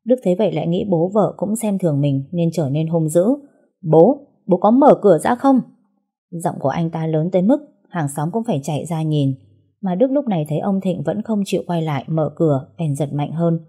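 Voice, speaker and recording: A woman's voice: low voice, lively intonation, a little fast, dark tone, breathy edge. A woman reading a dramatic story aloud as narrator. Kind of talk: scripted narration.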